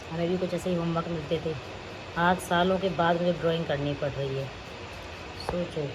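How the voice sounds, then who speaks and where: Woman in her 30s chatting to her vlog at night, a bit hoarse, lowish voice, noisy home audio. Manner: chatty, rambling, addresses viewers as guys. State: slightly hoarse throat. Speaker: vlogger. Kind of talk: casual chat to camera.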